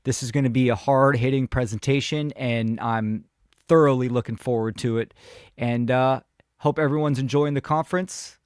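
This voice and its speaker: Man, conference host, chatty, filler words, uneven pace, mid-pitched, dry sound. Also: steady tone, smooth, no room sound. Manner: chatty, with fillers, speeding up and slowing down. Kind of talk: casual event introduction. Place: at home with a dog nearby.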